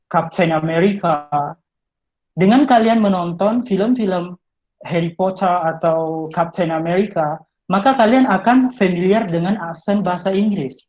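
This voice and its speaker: A man's voice: high voice, a little mellow. Guy tutor on a video call giving tips, talks right at the viewers, dull muffled audio. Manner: explanatory, addresses listeners directly. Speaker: English tutor. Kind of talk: online talk giving study tips.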